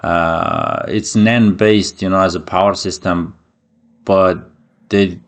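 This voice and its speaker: A man hosting a casual reaction video, excitable and swearing with lots of fillers. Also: low-pitched, slow pace, creaky.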